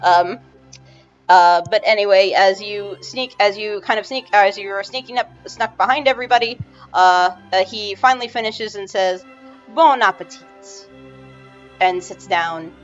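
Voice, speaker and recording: A woman's voice: mid-range voice, moderate pace. A woman narrating a tabletop game as game master, rambling with many restarts and fillers. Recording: dull lo-fi with faint music.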